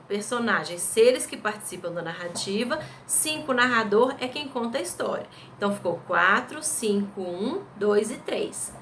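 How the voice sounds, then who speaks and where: With a Brazilian Portuguese accent, a woman teacher patiently walks through school exercise answers step by step in a recorded remote class, often checking in with her pupils. Her mid-range voice is a bit bright, and there's a little hiss or hum.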